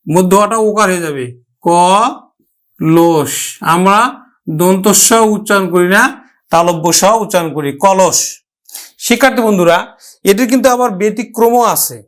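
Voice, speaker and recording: A man's voice: sits high, a bit bright. A man teaching a pronunciation lesson, sounding out words syllable by syllable and asking and answering his own questions. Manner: slow, drawn-out syllable-by-syllable modelling of words.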